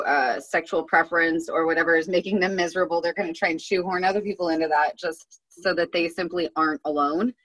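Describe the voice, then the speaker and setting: A woman's voice: on the low side, a bit bright, poor audio. A woman chatting casually, thoughtful and hesitant, with many fillers. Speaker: guest's wife. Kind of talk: casual chat.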